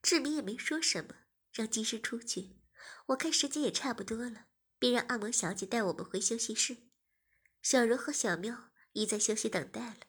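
A woman narrating a story in a soft, often half-whispered voice. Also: fairly high pitch, normal speed, husky. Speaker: story reader. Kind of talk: scripted narration.

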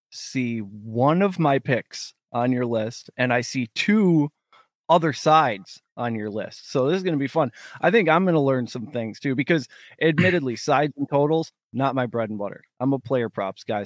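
Mid-pitched male sports podcast co-host, dry sound. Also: dry recording. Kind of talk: casual sports betting chat.

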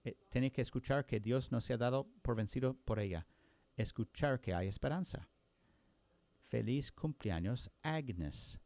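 A man telling a story during a sermon, earnest, with frequent pauses and restarts. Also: medium pitch, a little mellow, dry recording. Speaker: preacher.

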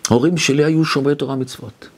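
A man's voice: on the high side, husky. A male rabbi telling a story in a talk, acting out the quotes as he goes. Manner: animated storytelling with acted quotes.

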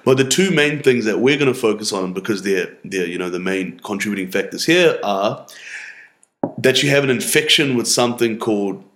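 A young man, a medical student co-hosting a casual podcast, playful and jokey, with lots of quick agreement. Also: fairly low pitch, lively intonation, a bit bright. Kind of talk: casual chat about medicine.

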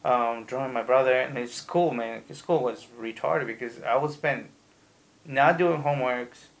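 A gravelly-voiced man from Ecuador in his thirties, chatting as a guest tattoo artist. He talks at a middling pitch and tells loose, animated stories peppered with swearing. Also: unhurried. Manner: rambling, animated storytelling with profanity. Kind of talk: casual interview chat.

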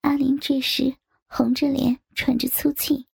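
A woman narrating an erotic story in a hushed, half-whispered reading. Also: high voice, little pitch movement, a little slow, gravelly, slightly rough, no room sound, studio quality. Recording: faint background music.

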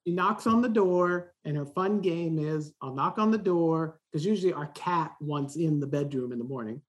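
A man in his forties, a podcast guest who talks about parenting in an emphatic, animated storytelling way. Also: a little high, normal speed. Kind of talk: podcast interview.

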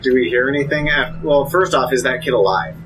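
A man's voice: medium pitch, brisk, low-quality recording. A man playing in a tabletop game, chatting casually and cracking jokes. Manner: joking, lively banter. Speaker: player. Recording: noticeable background noise.

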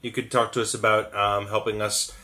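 A man's voice: fairly low pitch, level tone, pushed and bright. A male podcast co-host in casual chat. He hesitates often, restarting phrases and filling gaps with ums. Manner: halting, full of ums and restarts.

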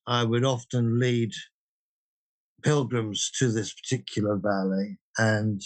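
A man's voice: lowish voice, rough recording. Thoughtful man, meandering reflective speech. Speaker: guest, pilgrimage leader. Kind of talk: reflective interview talk.

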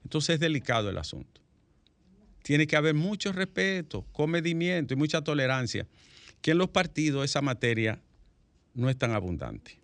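A Dominican man hosts a news panel show, telling stories with plenty of colour and an occasional curse. His bright voice swings up and down and sits a little high for a man. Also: moderate pace, dry recording. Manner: animated storyteller, swears casually. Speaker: talk show host. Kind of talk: lively panel talk on news.

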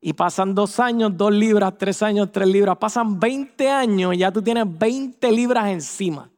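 A man preaching a sermon, animated and acting out quoted voices. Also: high voice, measured pace. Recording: echoey hall with long reverb.

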